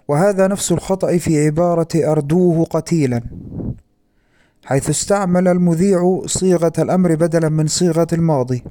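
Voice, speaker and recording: Mellow, slightly high-voiced male lecturer. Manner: measured, slows down to pronounce example words carefully. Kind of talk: formal academic lecture.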